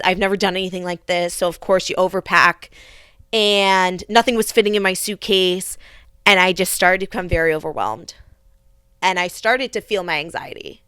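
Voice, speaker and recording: A woman's voice: on the low side, bright, forceful tone, smooth, dry recording, clean studio sound. A young adult woman hosting a podcast, telling a personal story in an earnest, reflective way with frequent restarts. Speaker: podcast host.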